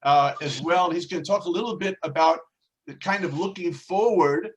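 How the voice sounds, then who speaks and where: A man's voice: on the high side, moderate pace, a little hiss or hum. Friendly New York man hosting class. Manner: friendly, chatty, joking about his accent. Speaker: host introducing a teacher. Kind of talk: online class introduction.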